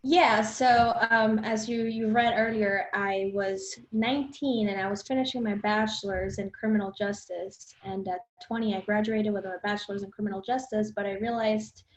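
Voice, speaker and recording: A woman's voice: medium pitch, fairly even intonation. A woman in her twenties from Colombia, a podcast guest talking earnestly and casually about her work. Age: 20s. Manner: earnest, quick phrases with fillers. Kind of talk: casual interview chat. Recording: roomy, dull lo-fi sound.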